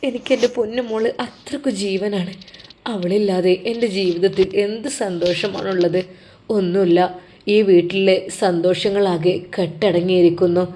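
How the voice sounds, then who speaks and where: A woman voicing a heartbroken older father, a religious teacher, who speaks in a gentle, sorrowful, consoling way. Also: mid-range voice, fairly even intonation, moderate pace, slight background noise, lightly acted.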